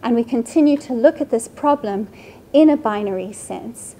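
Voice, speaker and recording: A woman's voice: on the high side, normal speed, dark tone, a little hiss or hum. A woman from Sweden, around her thirties, giving a seminar talk about slides in a conversational way, often checking in with the audience by asking "right?". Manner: conversational, frequent tag "right?". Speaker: seminar speaker. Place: lecture room.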